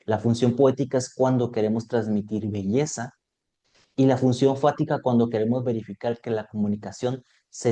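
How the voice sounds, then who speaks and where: A man's voice: mid-range voice, dark tone. A man teaching an online exam prep lesson, explaining topics step by step and checking in with his students.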